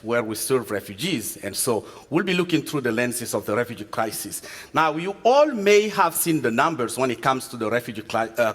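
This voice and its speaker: A man from Chad giving a guest sermon, speaking earnestly and measured, often restarting his words. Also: medium pitch, a bit bright. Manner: earnest, measured delivery with frequent restarts and fillers. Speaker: guest preacher from a refugee agency. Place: church sanctuary. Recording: long reverb from a church sanctuary.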